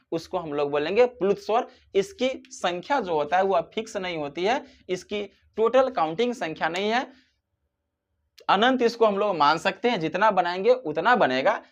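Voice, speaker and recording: A teacher giving a grammar lesson, posing questions and answering them, drawing out example sounds to show their length. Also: medium pitch. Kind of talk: classroom-style grammar lesson.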